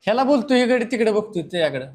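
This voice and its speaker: A high-voiced man races through a classroom lecture and pep talk, very animated, with a slightly mellow tone. He is blunt and scolding, talking straight at the students.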